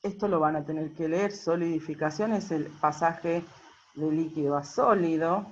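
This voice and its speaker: Woman teacher, patient and checking in often, fairly low voice, muffled lo-fi recording. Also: moderate pace, slight background noise. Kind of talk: recorded class explanation. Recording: dull lo-fi recording.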